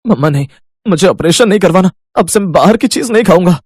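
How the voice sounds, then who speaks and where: A man's voice: fairly high pitch, big pitch swings, fairly quick, darkish tone, no room sound, clean studio sound. A man voicing a picky young schoolboy in a Hindi cartoon, complaining about the food at home. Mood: pleading.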